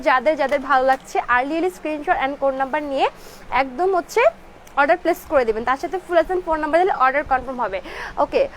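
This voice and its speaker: A woman from Bangladesh hosting a live clothing sales stream, mixing in English words and repeating product codes and prices. She is fasting, and her throat is a little dry. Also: high-pitched, a little hiss or hum.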